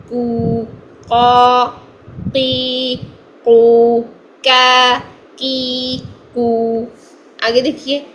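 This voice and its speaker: A woman teaching Quran recitation, patiently explaining and repeating single sounds slowly for the learner to copy. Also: fairly high pitch, fairly bright tone, slight background noise. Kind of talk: tajweed pronunciation lesson.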